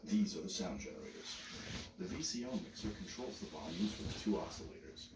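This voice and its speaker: Male tutorial narrator, low register, measured scripted instruction, recorded roomy and at some distance. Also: very animated, noisy background. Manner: measured step-by-step explaining. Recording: roomy, distant mic, music behind.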